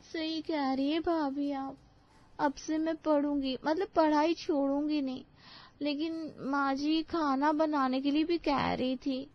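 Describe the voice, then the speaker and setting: A woman's voice: high voice, fairly even intonation, a little slow. A woman voicing a polite, deferential young daughter-in-law who pleads and explains herself, in a dull lo-fi recording. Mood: agreeable. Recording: dull lo-fi sound.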